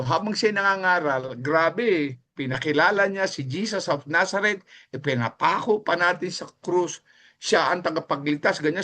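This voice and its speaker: A man with a Filipino accent delivers a sermon in a lively, anecdotal manner. His voice sits high for a man, and he mixes English phrases into his preaching. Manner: animated storytelling, mixing in English phrases, chuckling at his own anecdotes. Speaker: pastor.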